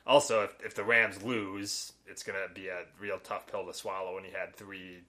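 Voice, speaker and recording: A man co-hosting a casual sports podcast, blunt and opinionated, with quick asides. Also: sits low, little pitch movement, pushed and bright. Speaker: podcast co-host.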